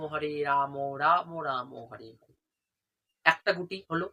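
Husky bright-voiced man teaching devotional practice. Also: fairly high pitch. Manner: asks rhetorical questions then answers them; chants mantras slowly. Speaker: religious instructor. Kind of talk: devotional how-to demonstration.

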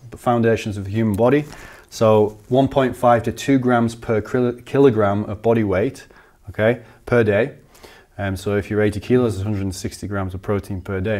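A man in his thirties with a fairly low voice talks through training numbers as a strength coach, steady and methodical. He is recorded on a lapel mic in an indoor gym. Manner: steady, methodical listing of figures. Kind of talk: instructional explanation.

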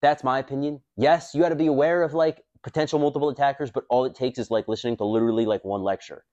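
Speaking fast and steady, this thirty-something host of a self-defense channel addresses the camera bluntly and casually, swearing and using plenty of fillers. His tone leans darkish. The lapel mic recording from a high-rise room comes out dull.

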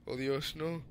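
A young man gives casual let's-play commentary, swearing and repeating himself in mock panic. His voice sits a touch high for a man. A steady noise hum runs through the home recording. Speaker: gamer streamer.

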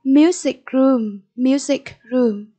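A woman's voice: high voice, drawn-out words, warm tone. A Vietnamese-accented woman teacher in a recorded English vocabulary lesson, repeating each word and giving its meaning and stress.

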